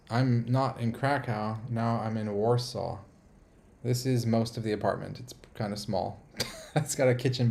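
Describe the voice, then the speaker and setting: A man's voice: fairly low pitch, creaky, darkish tone, slight background noise. A man from the United States hosting a casual live stream from a small apartment, rambling upbeat and reading viewer comments aloud.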